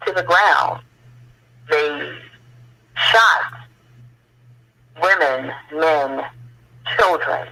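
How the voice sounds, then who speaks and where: A man's voice: fairly high pitch, pushed and bright, rough recording. A man speaking as a guest on a radio talk show, telling history in an earnest way that rises to impassioned questions.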